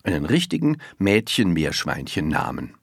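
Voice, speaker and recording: Expressive storybook narrator, dry sound. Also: sits low, moderate pace, gravelly, slightly rough, dry recording. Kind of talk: children's storybook reading.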